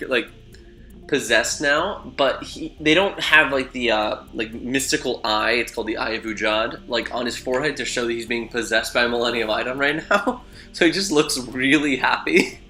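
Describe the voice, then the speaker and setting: A young man hosting a game playthrough, commenting in an excitable way with swearing and laughs. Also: mid-range voice, normal speed, roomy sound, soft background music. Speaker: let's play host. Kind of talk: gameplay commentary.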